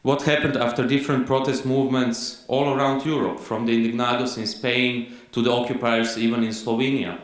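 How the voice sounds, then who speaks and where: A Croatian-accented man gives a conference lecture in a measured way, pausing on frequent fillers. His voice sits at a middle pitch. The hall around him is very echoey. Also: level tone. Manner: measured, frequent "uh" fillers, reads quotes slowly.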